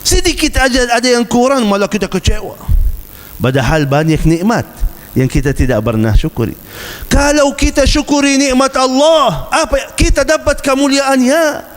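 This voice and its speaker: A man's voice: very high voice, very animated, moderate pace. A man preaching a sermon, telling stories dramatically and acting out cries and voices. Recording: long hall reverb.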